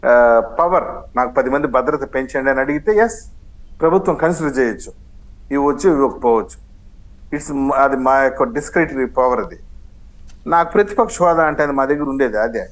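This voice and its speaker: A man's voice: mid-range voice, animated, moderate pace, long pauses, rough recording. A man speaking as a party spokesman in a heated TV news debate, combative and sarcastic, slipping in English phrases.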